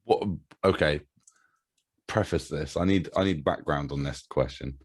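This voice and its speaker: Sweary, animated deep-voiced English man. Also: measured pace, slightly rough. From England. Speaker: comedian guest. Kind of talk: casual comedic chat.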